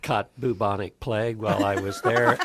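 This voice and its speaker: A man's voice: lowish voice, fairly even intonation, normal speed, heavy background noise. A man co-hosting a radio show, stuffy from a cold, joking dryly and hesitating with fillers. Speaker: radio co-host. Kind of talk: casual radio chat.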